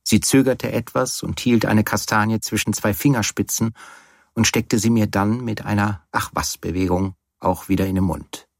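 A man reading from a novel on the radio in a calm, measured storytelling manner. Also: lowish voice, creaky, dry recording. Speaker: reader. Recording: dry studio.

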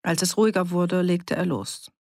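An audiobook narrator reading a village novel in even, measured scripted narration. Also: mid-range voice, vocal fry, dry recording, studio quality.

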